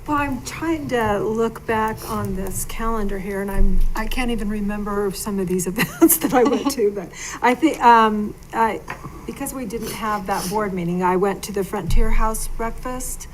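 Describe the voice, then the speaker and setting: A woman's voice: medium pitch, normal speed, a little hiss or hum, rough recording. A woman school board member giving reflective, rambling remarks at a meeting, often correcting herself.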